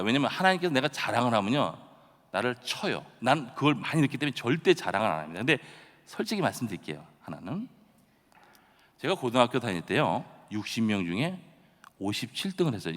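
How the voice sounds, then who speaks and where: A middle-aged pastor with a medium-pitched voice preaches an early-morning revival sermon in a church sanctuary. He tells stories in a chatty, self-deprecating way and bursts into sudden loud shouts, all under long church-hall reverb.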